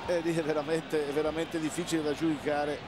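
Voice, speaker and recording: A man analysing a live football match as co-commentator, talking conversationally and haltingly, repeating his phrases. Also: on the high side, level tone. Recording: very noisy stadium broadcast.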